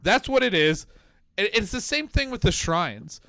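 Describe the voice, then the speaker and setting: A man co-hosting a gaming podcast, his voice sitting a little higher than most men's. He talks in an animated way, swears often and acts out quotes from developers. The sound is dry and close, with no room around it. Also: normal speed, gravelly, dry recording. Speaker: podcast co-host. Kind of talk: casual gaming chat.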